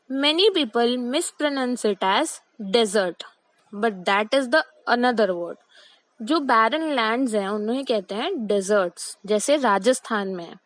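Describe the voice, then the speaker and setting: A young woman with a high voice teaches English pronunciation, switching between Hindi and English. She speaks slowly and carefully, repeating each word and saying example sentences at a deliberate pace. The recording is dry and close, with no room sound. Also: no echo, rough recording. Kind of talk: explanatory lesson mixing Hindi and English.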